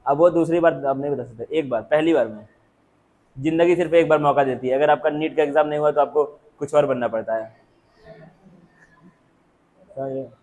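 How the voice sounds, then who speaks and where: A man's voice: on the high side, fairly quick, pauses often, a little mellow. A man teaching a classroom lecture who keeps firing rhetorical questions and drilling the answers back. He jokes with the students and calls on them by name. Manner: constant rhetorical questions, call-and-response drilling; jokey, teases and calls on students.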